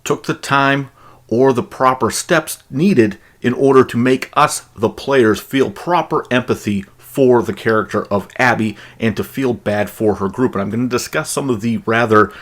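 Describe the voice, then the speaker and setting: A man talking straight to his viewers as a gaming commentator, making an emphatic, argumentative case in his opinion commentary. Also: normal speed. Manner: emphatic, argumentative, mocks enemy voices in high falsetto. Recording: console capture voice-over.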